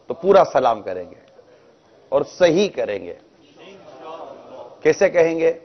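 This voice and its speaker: A man's voice: a little high, big pitch swings. A man gives a religious talk to a congregation in a mosque, often asking them rhetorical questions. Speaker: preacher. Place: mosque hall. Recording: dull, lo-fi recording.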